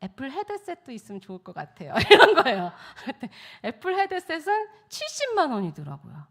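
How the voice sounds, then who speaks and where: A middle-aged woman preaches a testimony sermon in a fairly high voice. Her pitch leaps and swoops as she tells the story. She acts out the people she quotes with lots of animation and frequent laughter. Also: huge pitch swings, a little fast, a bit bright. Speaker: missionary speaker at church revival.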